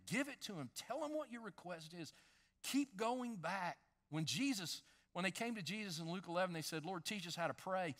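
A man in his fifties preaching a sermon on a large dark church stage, animated, swinging between loud emphasis and hushed lines. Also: a little high. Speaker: pastor.

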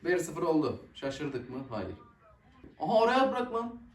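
Young male reaction host, high voice, excitable, echoey room, somewhat off-mic. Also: measured pace, distant mic, faint music behind. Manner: excitable, swears and groans at missed chances. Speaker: football reaction video host. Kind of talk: casual live match reaction.

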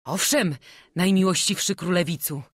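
A woman's voice: on the low side, moderate pace, husky, no echo, clean studio sound, pitched above the performer's own voice. A woman voicing a humble, eager young carver addressing a prince with deference, in an audiobook.

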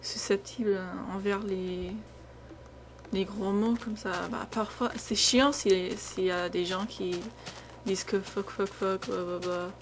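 Her pitch barely moves as this young American woman talks slowly through her gameplay in a medium voice, casual and hesitant, often trailing away mid-thought. A native English speaker making gaming videos, she records at home, where noise and game audio sit in the background.

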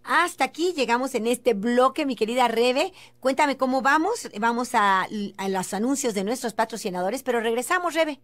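A woman hosting a radio talk show, with a fairly high voice. She tells her story in an earnest, gentle, preachy way, speaking from a studio. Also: animated, normal speed, hardly any pauses. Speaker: radio host.

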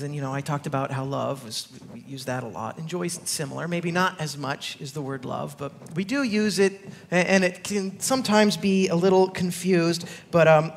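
A man's voice: high-pitched, slight background noise. A man in his thirties, a pastor, preaching a casual sermon in a church and talking in a joking, conversational way with restarts and small laughs. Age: 30s. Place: church sanctuary. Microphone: clip-on microphone.

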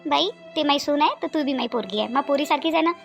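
A woman's voice: high voice, quick pace, creaky, faint music behind. A woman voicing a kind, talkative older village woman with a Varhadi Marathi accent, coaxing and repeating herself in a cartoon. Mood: comforting. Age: middle-aged. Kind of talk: cartoon voice acting.

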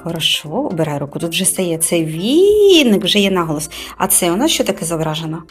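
A woman's voice: on the low side, quick pace, soft background music. A woman tutor teaching a child to read, patiently coaxing and drawing out each sound. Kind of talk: live reading lesson with a child.

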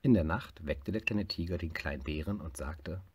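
Male picture-book reader, low, expressive, slightly husky. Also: normal speed, dry recording. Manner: lively, expressive reading, swelling louder in happy parts. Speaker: storyteller. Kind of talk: reading a picture book aloud.

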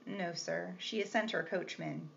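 A woman's voice: lowish voice, unhurried, vocal fry, a bit bright, full character voice. A woman reading the part of a composed young governess, polite but firm and restrained. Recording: slightly muffled with faint hiss.

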